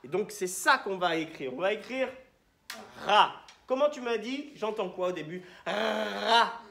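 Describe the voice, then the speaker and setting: A man's voice: sits high, animated, fairly quick, fairly bright tone, slight background noise. A man teaching young children in a classroom, patiently sounding out words syllable by syllable. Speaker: primary school teacher. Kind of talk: classroom phonics lesson. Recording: echoey room.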